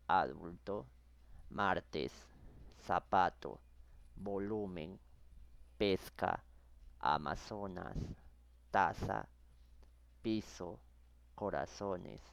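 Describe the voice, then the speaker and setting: Slow, deep-voiced male teacher. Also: vocal fry, smooth, no echo. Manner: slow, measured dictation of word lists. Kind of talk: recorded grammar lesson.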